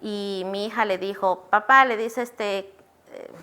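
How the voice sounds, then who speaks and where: A woman's voice: medium pitch, fairly even intonation, slow, pushed and bright. A middle-aged woman teaching a church class on children's ministry, earnestly asking questions and answering them herself. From Peru. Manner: earnest, asks and answers own questions, addresses listeners as brothers.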